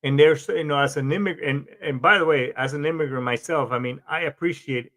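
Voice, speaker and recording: A man's voice: on the high side, a little fast, a bit bright. Rambling veteran man, casual podcast talk. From Colombia. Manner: rambling, frequent restarts, casual swearing. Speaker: podcast host, Marine veteran.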